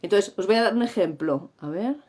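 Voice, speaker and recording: A woman's voice: medium pitch, expressive, fairly quick, warm tone. A middle-aged woman from Spain with a Spain Spanish accent, teaching English on a livestream in a playful, theatrical way and acting out the sounds. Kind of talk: live-streamed language lesson.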